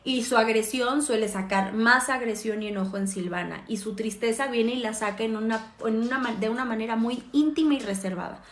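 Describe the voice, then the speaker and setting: A woman's voice: on the high side, a little fast, hardly any pauses, slight background noise. A woman, a therapist and mother speaking earnestly on a phone live stream. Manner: earnest, explanatory, with self-corrections. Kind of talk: live-stream parenting talk. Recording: roomy echoey room.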